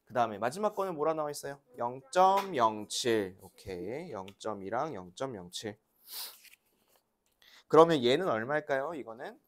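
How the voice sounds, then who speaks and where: Speaking at normal speed in an extremely low, sing-song voice, a woman teaches young children math in a classroom. She asks questions and waits for replies, her voice swinging widely, and patiently coaxes the kids into repeating after her as their elementary school teacher.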